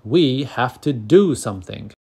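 A man's voice: a little high, expressive, normal speed, vocal fry, fairly bright tone, pitched above the performer's own voice, full character voice. A man voicing a brave young girl superhero in a read-aloud picture book, in an earnest, urgent storybook voice. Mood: determined.

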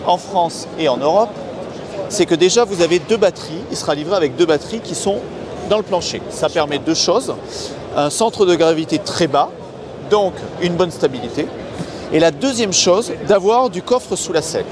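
A man in his thirties, a company director, presenting a new scooter in an interview with a confident sales pitch full of figures. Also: lively intonation, normal speed. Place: busy indoor trade show hall. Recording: loud crowd noise of a trade show. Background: loud trade show crowd noise.

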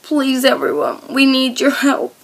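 Upset vlogger: high-pitched woman, tearful, half-whispered, creaky, slow. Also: sing-song. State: crying. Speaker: video blogger. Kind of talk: emotional reaction video.

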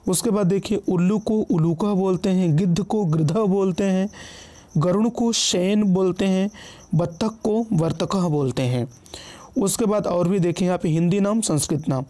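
High-voiced man teaching vocabulary. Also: dark tone. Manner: repeats "ठीक है" as a check-in, self-corrects. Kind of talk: exam-prep vocabulary lesson.

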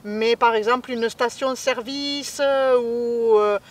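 A woman's voice: a little high, fairly even intonation, takes it slowly. A woman co-hosting a casual language lesson, chatty, asking questions and speaking straight to viewers. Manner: chatty, asks questions, addresses viewers directly. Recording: voice a bit far from the mic.

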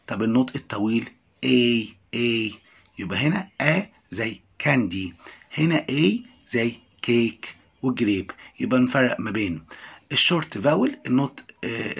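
A man with an Egyptian Arabic accent teaching a primary English lesson. He reads English lines slowly, then explains them in quick Arabic. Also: medium pitch, creaky, a bit bright, breathy edge.

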